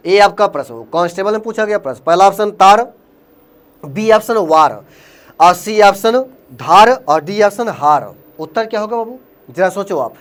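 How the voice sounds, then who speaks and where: A man's voice: high voice, animated, normal speed, fairly bright tone. A man from Uttar Pradesh teaching Hindi grammar for an exam, speaking with a Hindi accent. He keeps asking quiz questions and then answers them himself. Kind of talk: exam-prep lesson.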